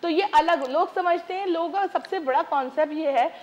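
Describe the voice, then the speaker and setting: A high-voiced woman chats emphatically as a guest in a TV studio. She talks about her bag business in a casual, lively way, speaking through a lapel mic. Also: moderate pace, highs cut off. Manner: chatty, emphatic, mixes English words. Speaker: guest, preloved bag seller. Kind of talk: casual talk show chat.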